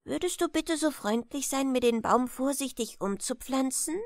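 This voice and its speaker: A woman's voice: high voice, moderate pace, no room sound, studio quality, pitched above the performer's own voice. A woman voicing a cheeky, bold young village lad in a bedtime audiobook, speaking in a pert, raised, eager voice. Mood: urgent.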